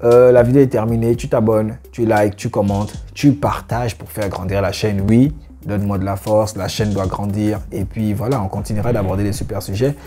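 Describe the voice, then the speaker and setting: A man's voice: lowish voice, fairly even intonation, brisk, few pauses, dark tone, soft background music. A young man giving his opinion in a casual reaction vlog, talking straight to his viewers with lots of fillers. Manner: conversational, addresses viewers directly, many fillers. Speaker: YouTube reaction channel host.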